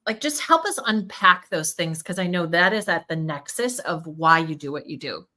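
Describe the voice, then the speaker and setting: A woman's voice: fairly low pitch, lively intonation, pushed and bright. A woman hosting a live podcast interview, enthusiastic and playful, asking open questions. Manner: enthusiastic, playful, quick exclamations. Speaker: podcast host.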